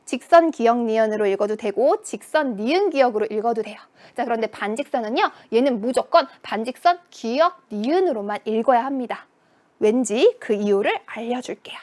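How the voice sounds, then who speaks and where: A woman's voice: on the high side, animated, a little fast, a little mellow. A woman teaching a children's math lesson, asking questions and answering them in a playful voice. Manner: sing-song, questions and answers to herself.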